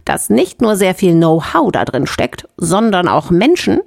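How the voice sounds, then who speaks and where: Calm slow space captain guy, as a woman reads him, kinda gravelly, dry. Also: on the low side, no echo, heavily acted. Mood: probing. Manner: slow, measured, deliberate. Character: calm, probing male starship commander. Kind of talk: audiobook character voice.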